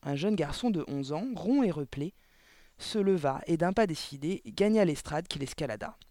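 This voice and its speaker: A man narrating a children's novel chapter aloud, lively and expressive, adding small asides to explain words. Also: on the high side, moderate pace, no room sound. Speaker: audiobook reader. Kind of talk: storybook reading aloud.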